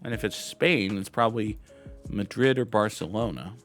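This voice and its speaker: A young adult man runs a gaming channel and rambles through wry, self-deprecating remarks while guessing where and when old photos were taken. His fairly low voice has a fairly bright tone and a moderate pace, with faint music in the background.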